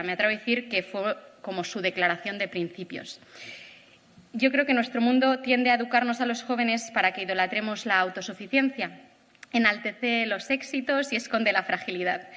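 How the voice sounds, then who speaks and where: A thirty-year-old woman speaks from a stage in a large auditorium, her talk earnest and reflective. Her voice sits high and bright. The hall adds a long reverb. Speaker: conference speaker. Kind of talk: prepared lecture.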